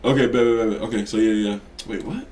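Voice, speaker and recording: A man's voice: fairly low pitch, fairly even intonation, fast talker, a little mellow. Blunt, slangy man in an echoey room. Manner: blunt, slangy, repeats "you get what I'm saying". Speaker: trading educator. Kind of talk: casual profane trading talk.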